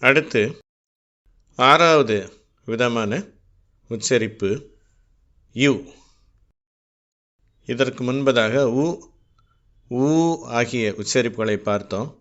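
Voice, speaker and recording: A man with a Tamil accent teaching English phonics, spelling out sounds slowly and deliberately one at a time. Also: mid-range voice, bright, forceful tone, muffled recording. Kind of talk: slow, step-by-step teaching.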